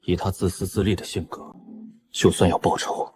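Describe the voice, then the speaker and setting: A man playing a calm, shrewd young cultivator hero who speaks in a reasoning way. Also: low-pitched, normal speed, noisy background, close to an everyday voice.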